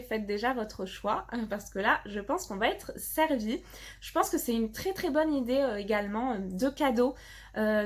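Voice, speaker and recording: Chatty French woman, slightly high voice. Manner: chatty, many fillers, reads labels aloud. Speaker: box unboxing vlogger. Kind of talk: casual unboxing review.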